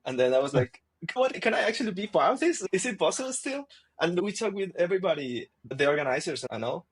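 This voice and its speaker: A man's voice: sits high, sing-song, quick pace, slightly rough. A young man, a student guest, telling stories loosely with lots of fillers. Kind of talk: casual interview.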